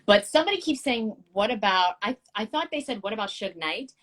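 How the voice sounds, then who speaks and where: A woman in her thirties hosting a casual live-stream chat, excitable and quick to laugh, swearing casually. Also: medium pitch. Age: 30s. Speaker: show host.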